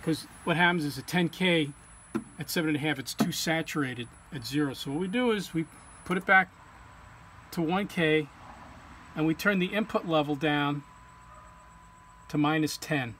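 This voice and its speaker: A man with a fairly high-set, slightly bright voice guides a learner through equipment calibration at normal speed, leaving long pauses. He's informal and plain-spoken, working step by step, and noticeable ambient noise sits behind him.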